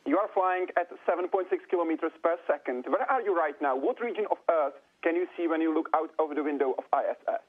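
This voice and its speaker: A man at mission control talking over a radio link to a crewed spacecraft, using quick, formal call phrasing. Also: a little high, breathy edge. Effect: radio link from the ground. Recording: muffled lo-fi radio line.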